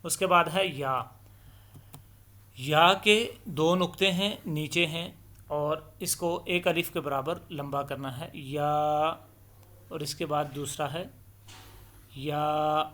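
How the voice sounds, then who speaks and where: A man teaching Arabic letter pronunciation step by step, patiently explaining and stretching each letter sound long and loud as he demonstrates, with English terms mixed in. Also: on the high side. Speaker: Quran recitation teacher.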